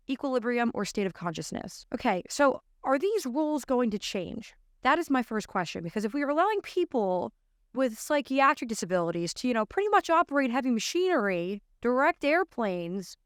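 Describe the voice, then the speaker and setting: Speaking close into a studio microphone on an arm, this twenty-something American host gives emphatic, disbelieving commentary to camera from a small indoor studio. Her pitch is fairly high and her tone clear and resonant, with no room sound.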